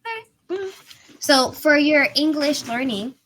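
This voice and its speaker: With a high, animated, slightly bright voice, a Miami English tutor speaks a little slowly on a chatty video call, laughing often and saying "like" and "you know." The recording is low quality, with a little hiss or hum.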